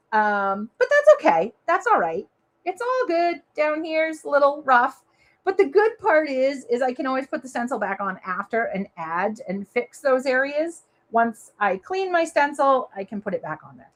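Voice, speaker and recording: A woman from Maine with a Maine accent, hosting a live papercraft demo and chatting to viewers as she works. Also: sits high. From Maine, USA. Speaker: papercraft show host. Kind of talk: live crafting demo chat.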